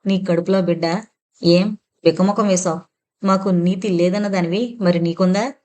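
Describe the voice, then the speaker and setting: A woman's voice: lowish voice, steady tone, moderate pace, warm tone, close to an everyday voice. A woman narrator voicing a cold, scheming woman who taunts and threatens her rival. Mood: menacing. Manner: taunting, menacing.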